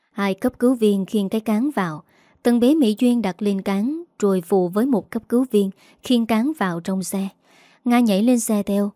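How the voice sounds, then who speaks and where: Audiobook narrator: woman, mid pitch, warm and steady, dry close sound. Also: dry recording.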